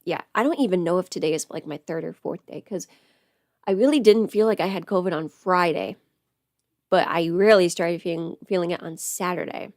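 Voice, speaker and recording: A woman with a fairly low, darkish voice talks at a normal pace, the sound clean and studio-like with no room tone. She's an audio creator hosting a livestream from home while sick with covid, rambling casually, musing aloud and interrupting herself.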